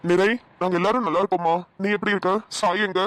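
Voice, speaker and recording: A woman voicing a kindly older man who is a family elder in a cartoon, speaking gently. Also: lowish voice, fairly even intonation, fast, background noise, lightly acted. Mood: calm. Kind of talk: cartoon voice acting.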